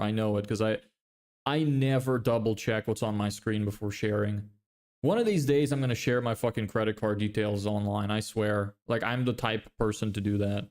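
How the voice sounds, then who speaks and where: This man's voice is fairly low in pitch with a darkish tone. He's a young Lithuanian livestreamer with an American-sounding accent who is building a business, loosely reading viewer comments and making self-deprecating jokes, swearing casually and laughing often.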